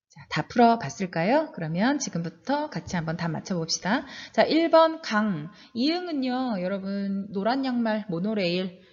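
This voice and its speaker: Lively woman teaching a video lesson. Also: medium pitch. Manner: animated, drills examples aloud and asks students questions. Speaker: Korean language teacher. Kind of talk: video lecture on pronunciation rules. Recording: dull lo-fi sound with long reverb.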